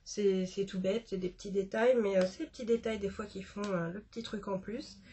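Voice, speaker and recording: A woman's voice: mid-range voice, steady tone, brisk, mellow, breathy edge. A woman chatting casually about a makeup haul, with many fillers and restarts. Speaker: beauty vlogger.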